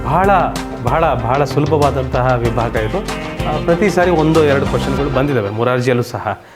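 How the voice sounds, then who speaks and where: A male teacher giving a grammar lesson to children, patient, repeating points and asking quick questions. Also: mid-range voice, music in the background.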